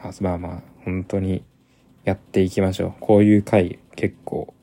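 Young guy rambling on his own podcast, lowish voice, super dark mellow tone. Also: flat delivery, normal speed. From Japan. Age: young adult. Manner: rambling, many restarts and repeated fillers. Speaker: podcast host. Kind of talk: casual solo podcast talk.

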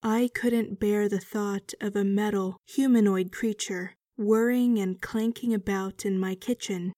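A woman playing a weary middle-aged suburban wife, narrating her story in a measured, wry way for an audio drama. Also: medium pitch, steady tone, warm tone, dry recording, clean studio sound, natural voice. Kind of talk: first-person scripted audio drama narration.

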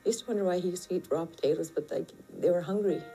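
A woman's voice: fairly low pitch, rapid-fire, over music, rough recording. A woman giving interview testimony about her family, talking conversationally and hesitantly.

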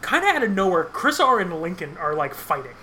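A man's voice: high-pitched, very animated, brisk, a loud crowd. A man co-hosting a podcast, chatting casually and rambling with lots of fillers. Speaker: podcast co-host. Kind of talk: casual chat recapping a TV show.

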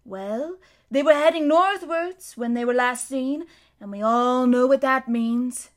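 A hearty, gloomy male beaver, grave and folksy, as a woman reads him aloud. The voice sits high and carries well. It sounds like a storybook read at bedtime. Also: unhurried.

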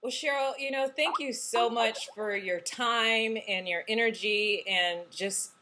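A woman's voice: fairly high pitch, unhurried, a little hiss or hum. A woman who founded a guitar magazine, interviewing a guest over a video call and often affirming what she says. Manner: warm, affirming, frequent backchannel.

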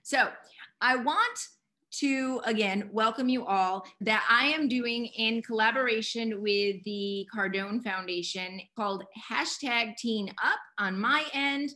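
Excited American woman hosting a call. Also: on the high side, takes it slowly. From United States. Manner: upbeat, excited, informal with fillers. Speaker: host and youth mentor. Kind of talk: casual welcome on a group video call.

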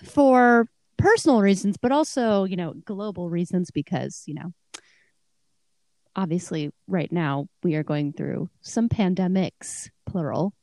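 A woman's voice: on the low side, measured pace, darkish tone, no room sound. A woman co-hosting a casual podcast, chatting with a giggly, rambling manner and many fillers. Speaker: podcast co-host.

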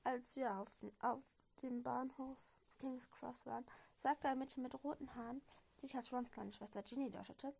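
A woman's voice: high-pitched, steady tone, normal speed, vocal fry, a little mellow, husky. A woman with a slight cold, casually reading a fan story aloud, stumbling, giggling and correcting herself. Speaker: reader.

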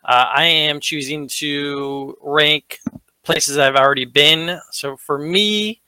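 A man's voice: fairly high pitch, fairly even intonation, slow, sharp tone, clear, resonant tone, no echo, rough recording. A man co-hosting a podcast in casual chat, making brief, dry remarks. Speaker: podcast co-host.

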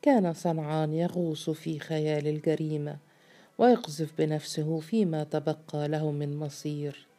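Low-voiced woman reading a story. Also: flat delivery, moderate pace, warm tone. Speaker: narrator.

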